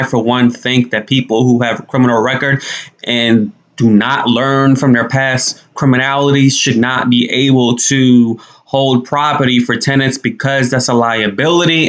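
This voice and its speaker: A man's voice: mid-range voice, fairly bright tone. A young man giving casual news commentary to camera in a conversational, slangy way. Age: young adult. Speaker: YouTube commentator. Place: small indoor room.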